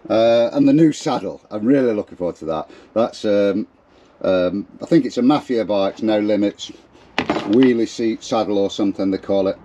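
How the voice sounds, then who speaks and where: A man's voice: fairly low pitch, normal speed, warm tone, dull audio, slight background noise. A man in his forties with a broad Derbyshire accent from the East Midlands, chatting casually to camera in a jokey, slangy way. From Derbyshire, England. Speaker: vlogger presenting a bike restoration. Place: mostly outdoors in a garden, some in a wooden shed workshop.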